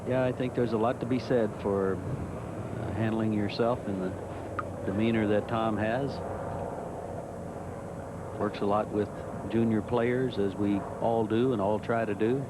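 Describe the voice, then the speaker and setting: A man with a low voice works as a golf commentator, talking conversationally through live play. Loud outdoor ambience runs all through the broadcast recording. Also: steady tone, a little slow, very noisy.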